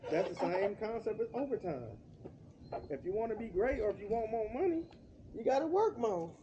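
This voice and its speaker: A middle-aged man with a high voice talks in a loose, slangy way, lecturing his son with fatherly teasing. He is recorded outdoors on a driveway by a camera some distance off. The sound is dull, and steady noise runs behind him. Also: normal speed. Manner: preachy, teasing fatherly talk in casual slang. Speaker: vlogger and father. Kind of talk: casual chat while washing a motorcycle. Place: outdoor driveway beside a house.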